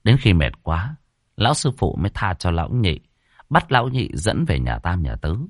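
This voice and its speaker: A man narrating a comic ghost story in an expressive way. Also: deep voice, moderate pace, no echo, studio quality.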